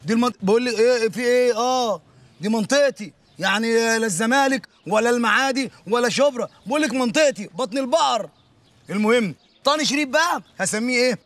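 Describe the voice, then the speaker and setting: A man's voice: extremely high pitch, quick pace, fairly bright tone, dry recording. A man with an Egyptian accent playing a boastful aspiring singer who rambles about his plans. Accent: Egyptian Arabic.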